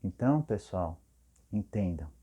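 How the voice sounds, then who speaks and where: A man's voice: low-pitched, very animated, unhurried, dark tone, slightly rough, muffled recording. A man, a therapist, talking casually to camera and telling a client's story, acting out her words.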